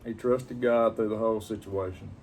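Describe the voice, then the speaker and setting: Male vlogger, lowish pitch, halting plain-spoken storyteller, reflective, slightly noisy recording. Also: steady tone, darkish tone. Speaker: pipe-smoking vlogger. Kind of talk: casual personal storytelling to camera.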